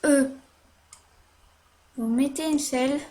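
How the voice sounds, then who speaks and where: Woman, high voice, unhurried, casual game tutorial, hesitant with lots of fillers. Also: fairly even intonation, dark tone. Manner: hesitant, many fillers and "hop" while playing.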